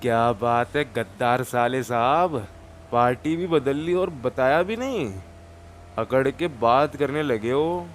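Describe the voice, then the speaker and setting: A man's voice: mid-range voice, animated, takes it slowly, a little hiss or hum. A man voicing a hot-tempered young gang leader who swears and threatens, in a game roleplay. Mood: taunting.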